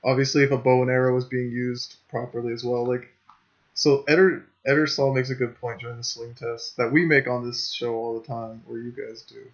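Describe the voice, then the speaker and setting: A man's voice: mid-range voice, little pitch movement, brisk. Hesitant man on a dull lo-fi mic. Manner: hesitant, hedging. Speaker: podcast co-host. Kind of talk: casual podcast chat.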